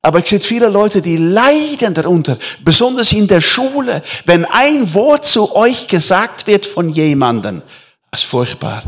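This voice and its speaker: A man preaching with a lively, swooping voice that sits a little higher than most men's. He jumps from loud, emphatic questions to hushed, almost whispered asides. He tells stories to his listeners as a sermon. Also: moderate pace, few pauses. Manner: animated, swings between loud emphasis and near-whispers.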